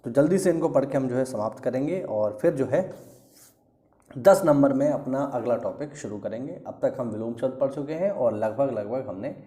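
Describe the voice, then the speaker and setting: A man's voice: medium pitch, expressive, normal speed, warm tone. A man teaching an exam-preparation lesson. He repeats key words and often checks in with his students.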